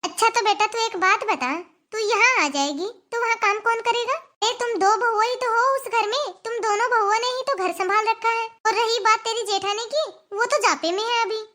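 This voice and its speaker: A woman voicing a patient middle-aged mother in a cartoon, calmly reasoning and coaxing her daughter. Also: very high-pitched, normal speed, hardly any pauses. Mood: lecturing. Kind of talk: cartoon voice acting.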